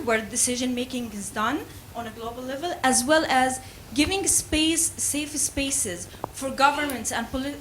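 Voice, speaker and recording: Brief: high-voiced woman from Gaza, audience questioner, earnest and pointed, faint room hiss. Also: rough recording. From Gaza, Palestine. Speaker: audience member asking a question.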